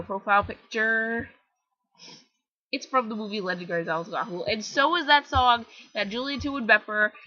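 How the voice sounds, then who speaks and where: A teenage girl with a Canadian accent rambles through casual gameplay commentary, chatty and self-mocking. Her voice is bright and forward. The home mic sounds a little dull and lo-fi. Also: medium pitch. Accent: Canadian English. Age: teens. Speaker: gaming vlogger. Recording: slightly dull lo-fi home recording.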